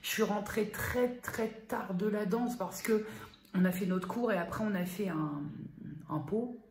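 A woman's voice: medium pitch, a little slow, darkish tone. A woman vlogger chatting casually and familiarly to her viewer, a little self-mocking. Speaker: beauty vlogger. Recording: roomy echo, faint background noise.

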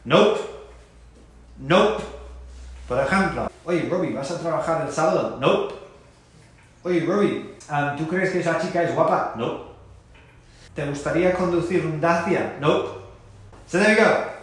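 A man's voice: fairly high pitch, fairly quick. A man hosting a casual language lesson and playfully acting out short example dialogues. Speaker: English teacher. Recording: very echoey room.

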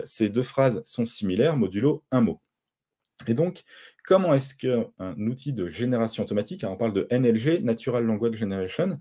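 At a conference, a middle-aged native French speaker lectures an audience while walking through his slides, his voice dark, mellow and medium in pitch. He explains patiently but hesitates often, pausing and restarting his sentences.

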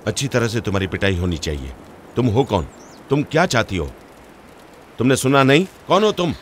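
A very low male voice that swings widely in pitch, dry and suspicious as he questions her. A faint outdoor hush lies underneath. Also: lively intonation, normal speed, a little hiss or hum. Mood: angry. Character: wary young male writer, dry-humoured. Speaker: writer in a romance. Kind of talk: Hindi film dub.

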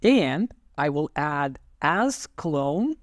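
Man, software tutorial narration, fairly high voice, dry close sound, calm and methodical. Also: drawn-out words, no room sound. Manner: calm and methodical, talks through each step as he types. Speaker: software instructor. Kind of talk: screen-recorded tutorial narration.

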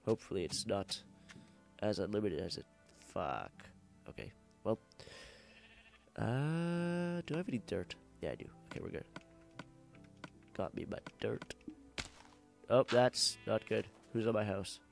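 A man's voice: lowish voice, very animated, a little slow, creaky, pauses often, faint music behind. A young man with a cough, giving rambling, joking gameplay commentary and swearing freely. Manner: rambling, joking, swears freely, corrects himself mid-sentence. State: sick with a cough. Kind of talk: casual let's-play commentary.

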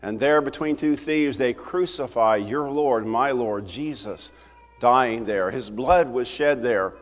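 An older man preaching a sermon from a church pulpit, talking to the congregation in a conversational, animated way. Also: mid-range voice, slow pace. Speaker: pastor. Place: church sanctuary, at a wooden pulpit. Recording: roomy hall reverb from the sanctuary.

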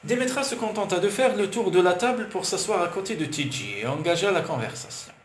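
A man narrating a romance audiobook in an even, measured storytelling manner. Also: high-pitched. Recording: roomy with faint hiss.

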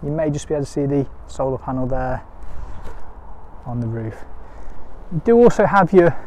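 A man's voice: fairly high pitch, animated, normal speed, a little mellow, slight background noise. A man presenting a dealer walk-around video of a camper van, with upbeat sales patter and repeated words, recorded on a handheld phone outdoors and inside the van. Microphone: phone camera held by the speaker.

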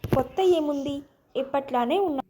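A woman voicing a young wife who is hurt, proud and quick-tempered, speaking sharply and curtly, in a storybook reading. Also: high voice, dark tone, a little hiss or hum, close to an everyday voice.

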